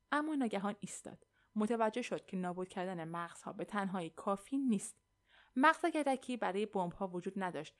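A woman narrates a suspense novel in a steady, even reading voice. Her pitch sits in an ordinary middle range for a woman. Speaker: audiobook narrator. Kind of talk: scripted narration of a thriller.

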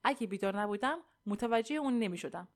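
A glib, boastful architect, voiced by a woman reading a story. He is a pushy man of action, selling with smooth, self-assured patter and barely shifting from the reader's own voice. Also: mid-range voice, animated, natural voice. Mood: confident, selling.

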